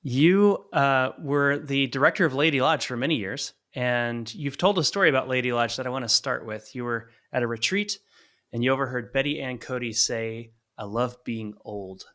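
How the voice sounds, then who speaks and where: A man's voice: mid-range voice, normal speed, sharp tone. A man hosting a podcast, reading an earnest, reflective introduction and then interviewing his guest. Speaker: podcast host.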